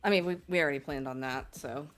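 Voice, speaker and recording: A woman's voice: low-pitched, fast talker. A woman chatting casually about plans as a player in a tabletop role-playing game. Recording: music behind the voice.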